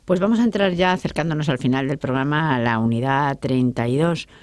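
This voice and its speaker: Measured woman presenter, dry sound. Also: extremely low pitch, darkish tone, no echo. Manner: measured, leads with questions. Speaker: radio presenter. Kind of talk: guiding questions in a radio lesson.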